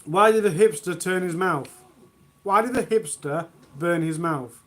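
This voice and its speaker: Male streamer, high voice, reads bad jokes live from home and groans at them. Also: measured pace, a bit bright. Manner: self-mocking, groans at own jokes. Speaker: livestream host. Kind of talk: reading jokes on a charity livestream.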